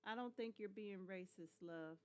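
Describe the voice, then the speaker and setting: A woman's voice: mid-range voice, moderate pace, darkish tone. A tired woman hosting a casual livestream, chatting with viewers in a rambling, yawning way and talking to her dog. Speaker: livestream host.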